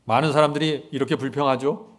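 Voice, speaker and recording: A man preaching a sermon, speaking as God in plain words, then turning to explain to the congregation. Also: steady tone. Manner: swings from loud, slow emphasis to quiet, low asides. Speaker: pastor.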